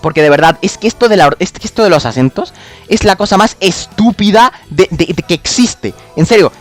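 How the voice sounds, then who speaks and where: A man's voice: sits high, expressive, fairly quick, soft background music. A man ranting about spelling rules, exasperated, mocking and full of swearing. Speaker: video creator. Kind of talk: explanatory rant.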